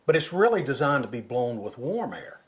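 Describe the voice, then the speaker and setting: A man's voice: medium pitch, big pitch swings, moderate pace, fairly bright tone. A man working as an instructor, explaining technique informally, step by step and with examples. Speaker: duck-calling instructor.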